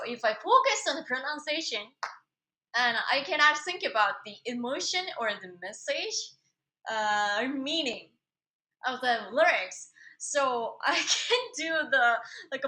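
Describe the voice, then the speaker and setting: A young woman from Japan, a singer chatting casually on her live stream, animated and quick to laugh. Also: on the high side.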